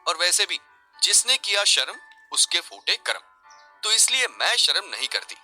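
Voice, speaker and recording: Guy doing a cheeky 21 yr old girl, high and sassy, super bright tone. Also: very animated, soft background music, full character voice. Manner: sassy, quick-witted, dramatic. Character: bold cheeky young woman, 21.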